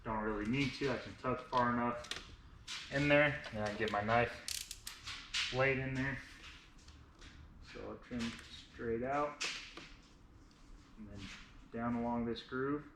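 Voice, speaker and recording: A man's voice: medium pitch, steady tone, measured pace, long pauses. Man with braces lisp, echoey noisy recording. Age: 30s. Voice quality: slightly lisping speech from wearing braces. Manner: informal, explains each step as he works. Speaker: vinyl wrap installer, presenter of a how-to video. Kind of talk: casual hands-on tutorial narration. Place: indoors in a garage workshop. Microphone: camera on a tripod, a short distance away. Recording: echoey garage with clear background noise, clicks.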